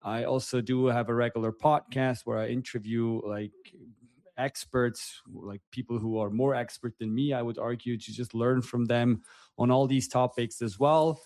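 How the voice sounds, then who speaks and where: A man's voice: mid-range voice, steady tone, moderate pace, a little mellow, no room sound. Man, earnest guest. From Switzerland. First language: Swiss German. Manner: earnest, searching for words, many fillers. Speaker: panel guest, investment manager. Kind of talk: casual self-introduction. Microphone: remote audio call.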